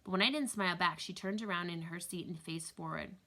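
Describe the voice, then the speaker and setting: Bright, slightly gravelly woman reading aloud. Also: lowish voice, brisk. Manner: gives characters lively acted voices. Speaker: reader. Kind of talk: reading a children's novel aloud.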